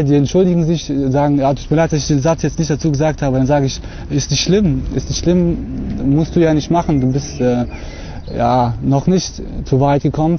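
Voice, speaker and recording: A man's voice: fairly high pitch, slight background noise. A young man from Russia giving an earnest, hesitant spoken testimony to camera outdoors on a lawn, with many filler sounds, recorded on the camera mic. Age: young adult. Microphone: camera mic at close distance. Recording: slightly dull lo-fi outdoor camera audio.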